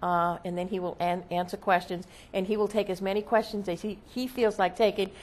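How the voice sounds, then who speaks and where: A woman speaking as a seance medium, casually explaining her trance channeling in an interview, halting and often checking with "okay?". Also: medium pitch, steady tone, darkish tone.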